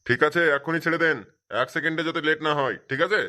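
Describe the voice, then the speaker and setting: A woman's voice: deep voice, steady tone, fast, sharp tone, pitched below the performer's own voice. A woman voicing a bossy middle-aged village headman who speaks curtly over the phone. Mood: commanding. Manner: commanding, curt.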